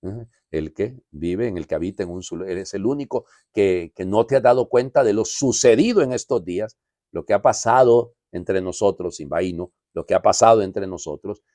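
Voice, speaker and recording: A man's voice: lowish voice, moderate pace, dark tone, no room sound, studio quality. A man, a priest, giving a conversational homily full of asides and rhetorical questions.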